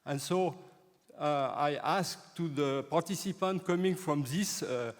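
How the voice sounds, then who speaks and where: Man, halting welcome. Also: fairly high pitch. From France. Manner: halting, with repeated words. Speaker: conference co-chair, professor. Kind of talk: formal welcome speech. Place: large conference hall. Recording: reverberant conference hall.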